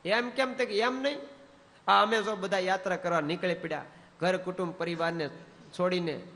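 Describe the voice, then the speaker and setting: A man's voice: high voice, vocal fry, pushed and bright, in a large hall. A man, a monk giving a storytelling sermon in a folksy manner and acting out the characters' dialogue.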